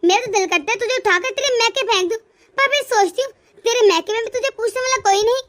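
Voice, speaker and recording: A woman voicing a harsh, taunting old mother-in-law in a cartoon, in a high, bright voice with a dry sound. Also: fast talker. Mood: scornful. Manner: taunting, scornful. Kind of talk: cartoon voice acting.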